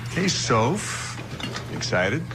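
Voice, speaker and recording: Helpful cop guy in a movie, plain-spoken man, medium pitch, really noisy background. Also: sing-song, drawn-out words. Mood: matter-of-fact. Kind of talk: natural film dialogue. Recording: loud background noise.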